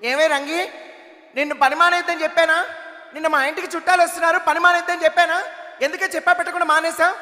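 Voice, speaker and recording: Shrill scolding housewife, as a man puts her on. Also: animated, moderate pace, pushed and bright, full character voice. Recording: reverberant event hall.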